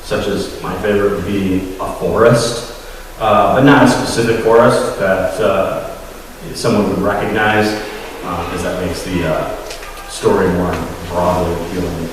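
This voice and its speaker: A man with a fairly low voice gives a storytelling talk, pausing often on fillers and restarts. He sounds a little nervous. He is heard from a distance in a large hall with a long, echoing reverb. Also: steady tone, slight background noise. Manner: hesitant, many fillers, admits nerves. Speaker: guest speaker at a secular congregation. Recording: echoey hall, voice from far off.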